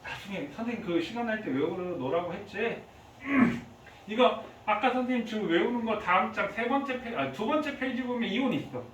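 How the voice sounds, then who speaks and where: Male chemistry teacher, very high and lively voice, heard from across an echoey room. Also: moderate pace. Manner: lively, quizzing students with frequent questions. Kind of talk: classroom lecture. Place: classroom. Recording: echoey classroom from far off, faint hiss.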